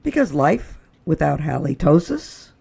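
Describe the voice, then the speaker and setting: For storytime, a woman reads a children's picture book in a low, gravelly, husky voice. She performs it expressively, pausing dramatically and sometimes dropping to a whisper.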